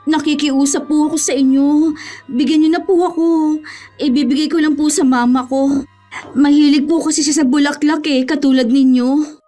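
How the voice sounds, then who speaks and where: A woman's voice: a little high, moderate pace, a little mellow, soft background music, natural voice. A young woman playing an anxious, debt-burdened young woman in a horror audio drama who often stammers from nerves. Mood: pleading, nervous. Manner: worried, stammers when nervous.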